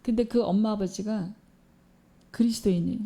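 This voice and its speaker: A woman's voice: medium pitch, fairly even intonation, fairly quick, gravelly, dark tone. A woman preacher giving a sermon in a church, telling a story and posing questions to the congregation.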